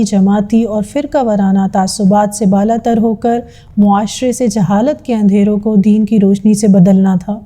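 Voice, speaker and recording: A woman's voice: medium pitch, warm tone. A woman giving a formal, earnest scripted narration introducing a religious studies course. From Pakistan.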